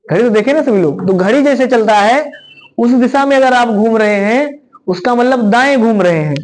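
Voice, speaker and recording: A man teaching a classroom of exam students, speaking loudly, repeating himself and checking "right?" after each point. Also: very high voice, moderate pace, rough recording. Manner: loud, repetitive, keeps asking "right?". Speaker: reasoning teacher. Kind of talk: classroom lecture.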